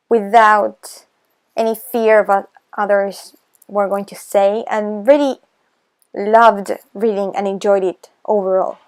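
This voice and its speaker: A teenage girl from Argentina, a booktuber, narrates a casual vlog voice-over in Argentinian-accented Spanish, her native tongue. She speaks slowly and hesitantly with many pauses, sounding self-conscious. Her pitch is medium and her tone clean.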